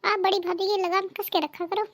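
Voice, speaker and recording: A woman's voice: extremely high pitch, flat delivery, brisk, a bit bright. A woman voicing a sly gossiping daughter-in-law. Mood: sweet-talking. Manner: sly, sweet-talking. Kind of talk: cartoon dubbing.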